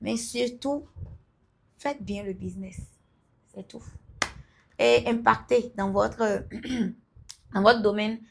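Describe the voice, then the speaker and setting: A woman, an entrepreneur being interviewed, talking emphatically and now and then calling out loudly to her listeners. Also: a little high, steady tone, takes it slowly, creaky, long pauses, husky. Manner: emphatic, breaks into loud calls to listeners; laughs between remarks. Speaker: entrepreneur guest. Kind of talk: casual interview chat.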